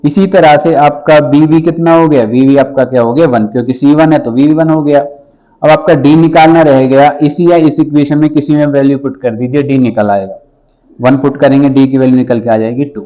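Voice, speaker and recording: A male teacher walking students through balancing chemical equations, calling them "brother" and checking often if it is clear. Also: medium pitch, steady tone, normal speed, mellow. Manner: repeats checks like "ठीक है" and "clear है"; addresses students as "भाई". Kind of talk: chalkboard science lesson. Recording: dull lo-fi sound.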